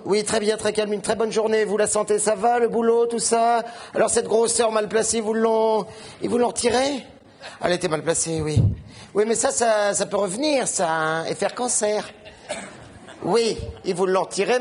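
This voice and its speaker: A man playing a spiteful older mother-in-law in a comedy sketch phone call, shrill and cackling as she gushes and curses. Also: normal speed. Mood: mocking. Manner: shrill, cackling, gushing then cursing on the phone. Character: spiteful old woman, scheming mother-in-law. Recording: live stage recording with loud audience. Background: audience laughter.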